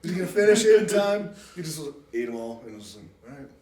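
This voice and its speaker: A man's voice: high-pitched, very animated, fast talker, a little mellow. A man telling stories in casual banter, crude and teasing. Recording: distant, echoey room with crowd noise.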